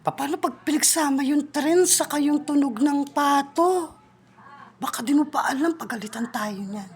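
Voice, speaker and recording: A woman talking in a playful, teasing comic skit with quick back-and-forth. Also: sits high. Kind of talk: comedic skit with several voices.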